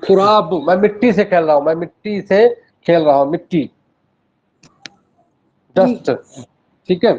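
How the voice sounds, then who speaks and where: Male teacher, classroom lesson, slightly high voice, patient word-by-word explaining, muffled lo-fi sound. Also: long pauses, darkish tone. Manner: explains word by word, repeats, checks with "okay". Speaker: Arabic teacher. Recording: dull lo-fi classroom recording.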